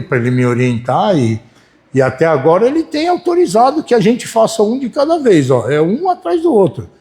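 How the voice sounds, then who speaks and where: A Brazilian pastor preaching to his church, his voice set a little high for a man. He talks in a homely, chatty way and keeps turning to the congregation with quick asides. His volume rises and drops as he preaches. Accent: Brazilian Portuguese. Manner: folksy, keeps asking the congregation "né?"; animated, swings between loud and soft. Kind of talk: sermon.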